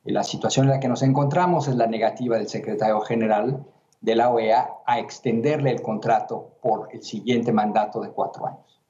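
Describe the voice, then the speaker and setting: A man giving measured, official answers in an interview, often pausing with hesitations. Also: mid-range voice, steady tone, dark tone, a little hiss or hum. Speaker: interviewee, human rights commission president. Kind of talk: formal remote interview answers. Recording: roomy, dull remote line.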